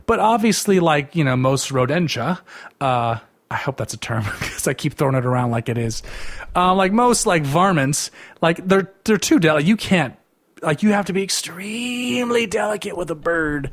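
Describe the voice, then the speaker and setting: A man with a somewhat high-pitched voice delivers a loose, casual rant, leaning on "like" at nearly every turn. His tone stays sarcastic and dismissive as he circles back over his points. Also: expressive, moderate pace. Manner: rambling, heavy use of "like" fillers.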